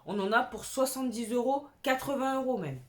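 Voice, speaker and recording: A young woman, a fashion vlogger, chats casually and enthusiastically as she shows off secondhand clothes she bought, using slang along the way. Her voice is fairly high and fairly quick in this clothing haul.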